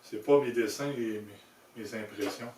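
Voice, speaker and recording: Echoey distant recording, man, Québécois French accent, mid-pitched voice, informal product demo, halting explanations. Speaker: presenter demonstrating motorcycle gear he designed. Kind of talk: informal hands-on product demonstration. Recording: echoey room, distant mic, handling noise.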